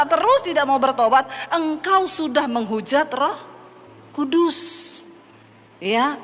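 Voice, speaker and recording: High-voiced woman preaching in a hall. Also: a bit bright. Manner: preaching with call-and-response and playful asides. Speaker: pastor. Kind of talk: sermon.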